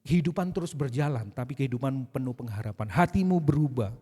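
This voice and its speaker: A man preaching a sermon in a lively way, asking the congregation questions and acting out short asides. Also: medium pitch, fast, breathy edge. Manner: animated preaching with rhetorical questions and acted asides. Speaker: pastor. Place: church service hall. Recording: church hall with long reverb.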